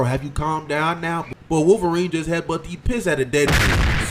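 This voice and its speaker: A man's voice: fairly high pitch, background noise. A man in his twenties giving a joking, slang-heavy recap of fight scenes, full of hype and asides. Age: 20s. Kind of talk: comedic recap narration. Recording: music bed under voice.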